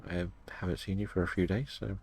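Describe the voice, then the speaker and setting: A man casually commentating on his game stream and chatting to viewers in a low-key, resigned, self-deprecating way. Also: little pitch movement, a little fast, a little mellow, a little hiss or hum. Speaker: live-streaming gamer.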